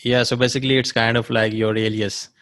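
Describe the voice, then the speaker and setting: A man hosting a podcast interview, casual and halting, often repeating his words. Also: mid-range voice, flat delivery, fairly bright tone. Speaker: podcast host.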